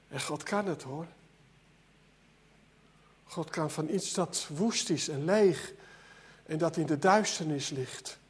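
High-voiced man preaching with rising intensity. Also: husky. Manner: earnest, repeats words, voice rises and drops sharply. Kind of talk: sermon.

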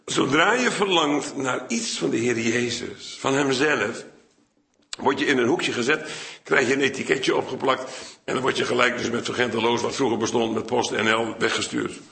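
Older Dutch-speaking preacher in a roomy hall. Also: male voice, normal speed, gravelly, bright, forceful tone. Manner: conversational, digressive, with sudden high-pitched acted quotes. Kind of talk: Bible sermon.

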